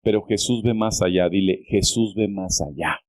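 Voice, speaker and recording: A man preaching a sermon as a church pastor, in a deliberate style, often checking in with "¿verdad?" and rising high when quoting pleas. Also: no echo. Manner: slow, deliberate preaching with frequent "¿verdad?" asides; rises sharply in pitch when quoting pleas.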